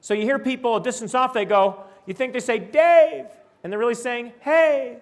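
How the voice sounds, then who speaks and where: Animated older man lecturing. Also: extremely high pitch, fast. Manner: animated, demonstrates speech sounds aloud. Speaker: presenter. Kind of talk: conference lecture. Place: lecture hall.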